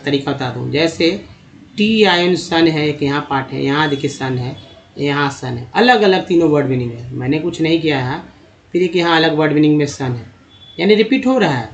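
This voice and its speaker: A man teaching English reading, spelling out letters and sounding out word parts patiently. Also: on the high side. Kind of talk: slide-based reading lesson. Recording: dull lo-fi recording.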